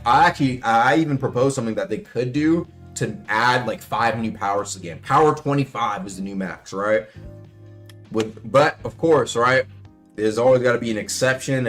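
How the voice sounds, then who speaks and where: A man's voice: medium pitch, fairly bright tone. A young man streaming, casually rambling and swearing as he talks through game ideas, with faint music behind him. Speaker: gaming streamer.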